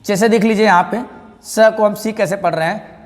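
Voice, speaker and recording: A man's voice: high voice, fairly even intonation, brisk, soft background music. A man teaches English pronunciation in a classroom lesson. He fires questions at his class, answers them himself and goes over each word again and again. His voice rings with a long reverb.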